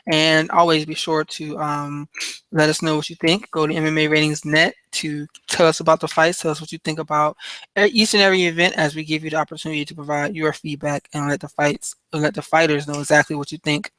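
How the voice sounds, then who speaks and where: A man's voice: fairly high pitch, level tone, fairly quick, pushed and bright, dry recording, poor audio. A man hosting a podcast on his own, talking casually about fights with a loose, rambling delivery and plenty of fillers and restarts. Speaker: podcast host. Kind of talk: casual solo podcast talk.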